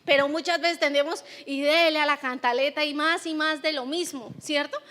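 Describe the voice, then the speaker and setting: A woman's voice: sits high, fairly even intonation, moderate pace, sharp tone. A Colombian woman pastor in her thirties giving a chatty sermon in church, often checking in with the congregation. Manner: chatty, keeps asking the congregation "right?". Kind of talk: conversational sermon.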